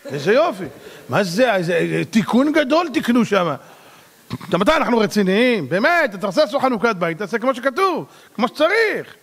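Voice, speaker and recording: A rabbi giving an animated sermon, acting out little dialogues and shouting at the peaks. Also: male voice, high-pitched, in a large hall.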